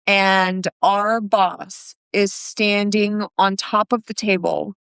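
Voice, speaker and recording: A woman's voice: medium pitch, fairly even intonation, slow, vocal fry, fairly bright tone, smooth, no echo. A woman co-hosting a podcast, chatting casually and emphatically about her work planning corporate events. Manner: emphatic, storytelling with acted quotes. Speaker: podcast co-host. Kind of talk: casual chat.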